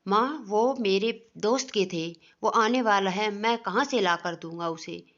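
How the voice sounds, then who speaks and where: A woman's voice: mid-range voice, a little slow, a bit bright. A woman voicing a worried young son in a storybook family tale, speaking with anxious urgency. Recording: dull lo-fi recording.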